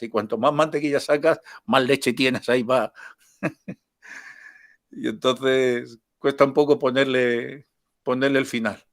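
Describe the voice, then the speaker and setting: An older man, teaching a spiritual class in a chatty, informal way. He tells jokes, laughs easily and drifts into asides. His pitch sits in an ordinary middle range.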